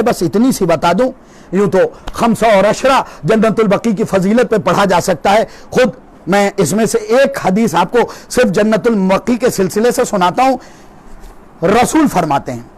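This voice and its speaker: A male cleric delivering an impassioned religious sermon with an Indian Urdu accent, moving between quiet storytelling and shouted declamation. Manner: oratorical, swings from low storytelling to shouted declamation. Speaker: cleric giving a majlis sermon. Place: gathering hall with a crowd.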